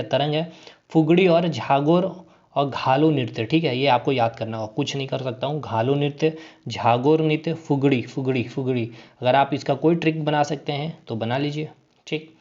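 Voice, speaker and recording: Man, exam coach, repeats key words, fairly high voice, dull lo-fi sound. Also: darkish tone. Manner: repeats terms, builds memory tricks, many fillers. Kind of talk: casual exam-prep lesson.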